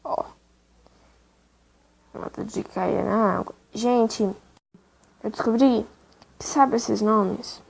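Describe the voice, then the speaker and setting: Her voice a little high, creaky and breathy-edged, a young gaming YouTuber speaks very slowly and pauses often as she chats with viewers. Between remarks she coos at a dog in the game in baby talk.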